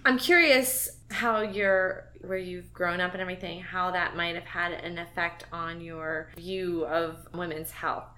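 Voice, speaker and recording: Woman, podcast host, bright forceful tone, slightly low voice, earnest, reflective. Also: steady tone, a little slow, few pauses, a little hiss or hum. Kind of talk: casual heartfelt conversation.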